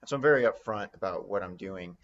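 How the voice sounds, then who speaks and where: The investing teacher talks fast in a low-pitched voice, explaining real estate note investing in a loose, conversational manner. He acts out example phone calls, and the audio lacks its high frequencies.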